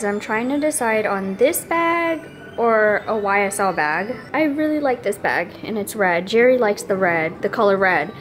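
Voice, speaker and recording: A woman chatting casually to her vlog audience, excited and giggly. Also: fairly high pitch. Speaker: vlogger wife. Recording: loud music bed over voice.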